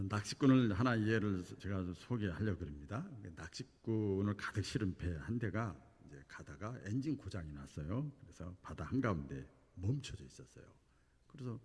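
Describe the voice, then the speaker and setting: A man preaching a sermon as pastor, telling a story animatedly and moving between hushed and emphatic delivery. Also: on the low side, breathy edge, long reverb tail. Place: church sanctuary.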